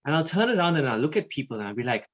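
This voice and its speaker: A man's voice: rapid-fire, dull audio, slight background noise. A man, a flight attendant and guest, chatting casually and acting out what he said to others. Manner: animated, acts out quotes with big pitch jumps. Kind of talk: casual chat.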